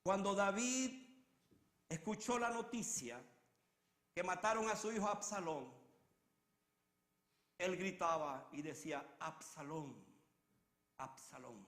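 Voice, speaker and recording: A man preaching a sermon in a dramatic way, swinging from loud climaxes to hushed, low repetitions. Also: animated, slow pace, long pauses, reverberant.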